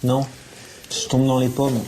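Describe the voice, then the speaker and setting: A man's voice: medium pitch, monotone, a little slow, dark tone, slight background noise, low-quality recording. A man hosting a TV show, chatting in a casual, joking and colloquial way with his guests. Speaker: TV host. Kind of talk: casual chat.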